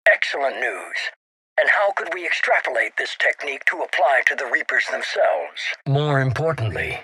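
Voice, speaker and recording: A shadowy game mastermind in middle age, with a husky voice that swings widely in pitch. He is cold and calculating, giving orders with deliberate authority. The sound is close and dry. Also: sharp tone, dry recording, full character voice, rough recording. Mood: firm, controlled. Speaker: head of a secret organisation. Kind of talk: dramatic video game voice acting.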